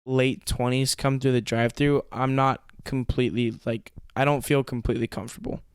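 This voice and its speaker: A man's voice: medium pitch, steady tone, fairly quick, clear, resonant tone, no room sound, clean studio sound. A young man from Southern California co-hosting a podcast, rambling in casual chat with lots of "like". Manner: rambling, filler-heavy with many "like"s. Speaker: podcast co-host.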